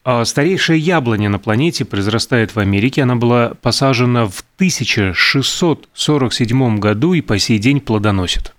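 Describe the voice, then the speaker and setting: A male co-host in relaxed chat, reeling off fun facts. He stumbles over words, fixes them as he goes and fills gaps with hesitant sounds. His voice sits at an ordinary middle pitch. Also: a little fast, few pauses. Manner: chatty, hesitant with fillers, self-correcting. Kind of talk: casual chat reading out trivia.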